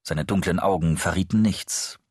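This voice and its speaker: A man narrating an audiobook, telling the story in a steady, expressive manner. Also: deep voice, normal speed, slight background noise. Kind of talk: scripted narration.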